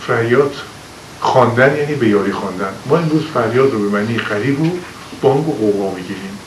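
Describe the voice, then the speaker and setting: A man's voice: fairly low pitch, expressive. A man teaching classical poetry who explains old words patiently and breaks into raised, declaiming recitation of verses. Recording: echoey room, mic far off, faint hiss.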